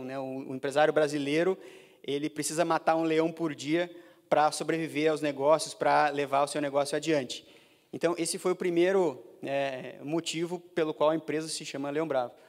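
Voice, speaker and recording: Brazilian man lecturing, high voice, reverby room. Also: a little mellow. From northern Paraná, Brazil. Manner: conversational, many fillers like "né". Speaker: guest speaker. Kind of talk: business lecture.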